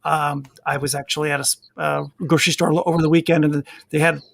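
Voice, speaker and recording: A man's voice: a little high, flat delivery, fast talker, gravelly, noisy background. A man hosting a casual live online chat, asking rambling questions that he corrects as he goes. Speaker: show host.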